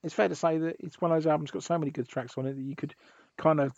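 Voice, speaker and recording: Hoarse and husky from a sore throat, a man hosting a casual music podcast rambles and keeps restarting his sentences. His voice sits a little high and darkish, very fast with fairly even intonation. The sound is close, dry and slightly dull, with no room sound.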